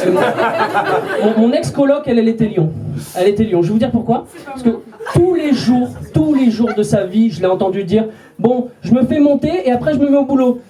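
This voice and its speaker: A man in his twenties performing a stand-up routine in a comedy club and teasing the audience with quick asides. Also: high voice, mellow. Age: 20s. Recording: live club recording from a distance with audience laughter.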